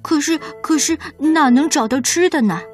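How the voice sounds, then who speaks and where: A woman's voice: high-pitched, moderate pace, soft background music, pitched above the performer's own voice, lightly acted. A woman doing a whiny, scared little sheep. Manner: whiny, fretful. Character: Berio, timid young male sheep.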